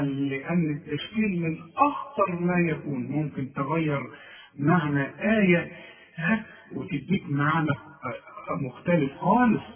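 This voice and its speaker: Brief: higher-voiced Egyptian man, tajweed teacher, slow chanted examples and brisk coaxing asides, thin phone-like audio from a distance. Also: echoey room. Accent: Egyptian Arabic. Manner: drawn-out chanted recitation between quick explanations; coaxing, checks with the listener. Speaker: Quran recitation teacher. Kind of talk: tajweed lesson with recited examples.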